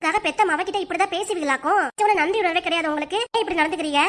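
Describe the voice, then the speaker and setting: A woman's voice: extremely high pitch, fairly bright tone. A woman voicing an older village mother with a Kanyakumari Tamil accent, scolding and protective, in a cartoon. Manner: scolding, rapid village talk.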